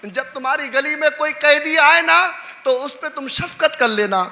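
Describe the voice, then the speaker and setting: Preacher voicing a grieving noble woman, shouting. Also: extremely high pitch, creaky, pitched above the performer's own voice, exaggerated voice. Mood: anguished. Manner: tender address turning to anguished shouts. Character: grieving noble woman, tender then anguished. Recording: long hall reverb.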